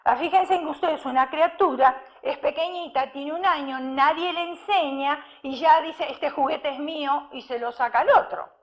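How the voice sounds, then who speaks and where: A woman preacher delivers a sermon, telling stories and putting rhetorical questions to her congregation. Her voice sits high and moves at a moderate pace with hardly any pauses. The sound is dull and lo-fi.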